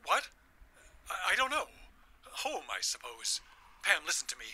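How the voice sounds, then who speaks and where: A man's voice: sits high, wildly swooping pitch, moderate pace, sharp tone, breathy edge, exaggerated voice. An actor playing a frantic, secretive old grandfather who stammers and pleads urgently. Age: older. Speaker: grandfather on a payphone.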